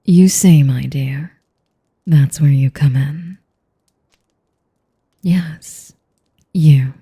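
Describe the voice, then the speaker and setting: A woman performs a sadistic, refined vampire lady for an audio roleplay. Her voice is low and husky, close to a whisper. She takes her time with every phrase, teasing and manipulating under a veneer of courtesy. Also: dark tone, full character voice. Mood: seductive, menacing. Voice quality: breathy, whispery. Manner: slow, teasing, mock-polite, refined. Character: sadistic, elegant, manipulative female vampire noble. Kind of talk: intimate audio roleplay, ASMR-like.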